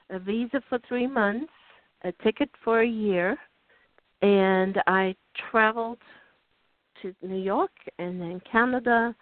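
An older South African woman with a South African accent, a guest author on a radio interview, tells her life story unhurriedly, pausing with ums and restarts. Her mid-range voice comes through a dry, tinny phone line.

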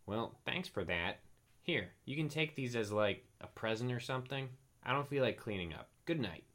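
A man's voice: medium pitch, big pitch swings, normal speed, close to an everyday voice. A man voicing a snippy little weasel. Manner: terse, fussy and grumbling. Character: snippy, sharp-tongued small male talking weasel.

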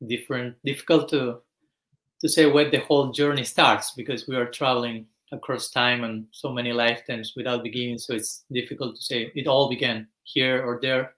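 In an echoey room, a thoughtful Argentine man in his 40s appears as a guest monk on a reflective podcast interview. His mid-range voice has little pitch movement and a fairly bright tone at normal speed, and he explains things while searching for words.

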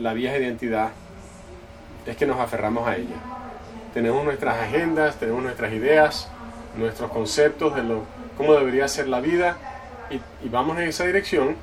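A man preaches a sermon in church that includes a personal story, speaking like a conversational storyteller who halts, stops, and restarts his phrases to correct himself. His voice is mid-pitched, captured by a distant mic in a room with steady noise.

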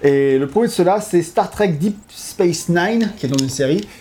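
A man with a fairly high, mellow voice chats informally as he presents video games. His accent is French and comes through thickly on English names. There is clear noise behind him. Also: lively intonation, normal speed. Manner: informal, chatty, slangy. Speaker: video game show host. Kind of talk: casual presentation of video game history among friends.

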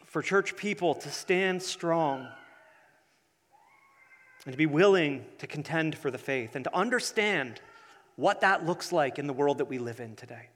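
A male pastor explains his sermon point by point in a somewhat high voice. He phrases deliberately and repeats key words. The sound carries the long reverb of a large hall. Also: expressive, fairly bright tone. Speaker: pastor preaching.

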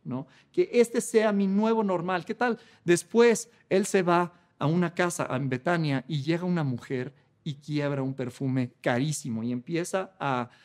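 Predicador de voz aguda, en tono de charla. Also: male voice, on the high side, measured pace. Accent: Mexican Spanish. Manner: conversational, frequent rhetorical "¿no?". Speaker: preacher. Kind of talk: sermon.

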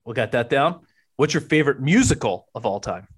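A man's voice: mid-range voice, animated, brisk, slightly rough. A man in his forties hosting a casual interview, agreeable and encouraging, feeling his way through his phrasing. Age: 40s. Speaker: interviewer, host.

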